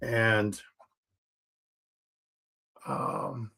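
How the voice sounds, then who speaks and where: A man's voice: lowish voice, huge pitch swings, drawn-out words, gravelly, pushed and bright, breathy edge. Tired man muttering through orders. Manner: mutters to himself while reading out order items. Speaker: comic artist streaming while packing orders. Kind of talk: casual livestream chat.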